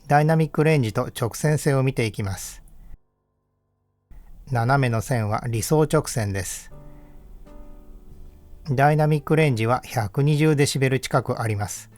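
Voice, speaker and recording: A man giving calm, measured, scripted narration that explains equipment test results step by step. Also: medium pitch, faint music behind. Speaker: audio equipment reviewer. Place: voice-over.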